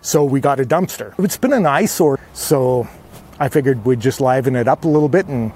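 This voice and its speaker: A man being interviewed outdoors on his driveway, talking in an upbeat, halting way with fillers. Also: mid-range voice, expressive, darkish tone. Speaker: homeowner interviewee. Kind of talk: casual interview.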